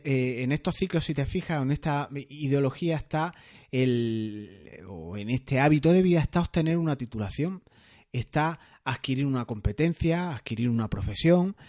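A man's voice: mid-range voice, darkish tone. A man hosting a solo podcast, explaining in a conversational way with occasional fillers. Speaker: podcast host.

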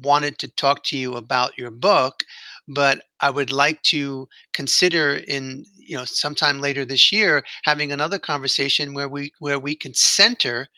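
Man, podcast host, measured, thoughtful, agreeable, bright voice, dry close sound. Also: mid-range voice, fairly even intonation, no echo. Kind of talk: podcast interview.

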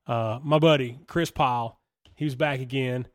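A man hosting his podcast, chatting casually and rambling as he thinks out loud. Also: mid-range voice, steady tone, normal speed. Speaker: podcast host. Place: podcast studio.

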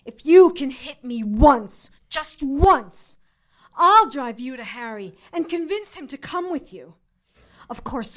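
A woman voicing a defiant young witch held captive, who answers her captors with sarcasm and curses. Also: sits high. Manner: defiant, sarcastic, foul-mouthed.

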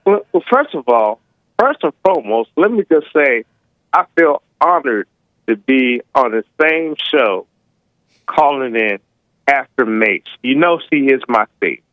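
A man calling in to a talk show, speaking casually and haltingly with slightly slurred words and slushy s sounds. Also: medium pitch, big pitch swings, no echo. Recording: narrow tinny phone line.

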